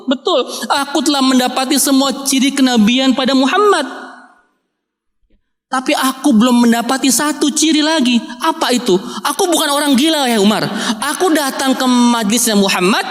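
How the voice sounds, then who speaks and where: A preacher putting on a sly old scholar, bold and scheming, boasting with self-assured ease in a high voice. The voice booms around a large mosque hall with a long reverb. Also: male voice, moderate pace, fairly bright tone.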